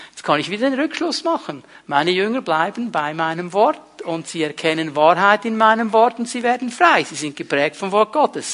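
A middle-aged pastor delivers a sermon in a notably high, ringing voice. He presses his points with emphasis and keeps turning to the congregation with rhetorical questions. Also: fairly bright tone.

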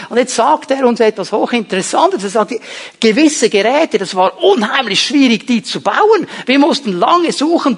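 A pastor preaching with a notably high male voice. He hammers home key phrases by repeating them, rising to loud, lively emphasis and then dropping to hushed, earnest delivery. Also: slightly rough. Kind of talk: sermon.

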